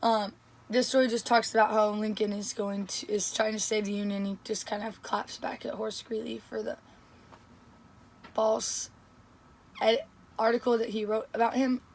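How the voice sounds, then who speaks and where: Hoarse young woman giving a report. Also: on the high side, flat delivery, moderate pace, a little hiss or hum. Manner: hesitant, many ums and restarts. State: sore throat, scratchy voice. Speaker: student giving an oral report. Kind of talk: class presentation.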